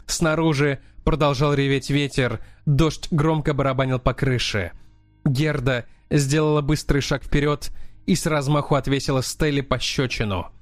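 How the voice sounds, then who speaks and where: A man narrating a crime novel as an audiobook in a steady, dramatic reading. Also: mid-range voice, moderate pace, no echo. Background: faint music.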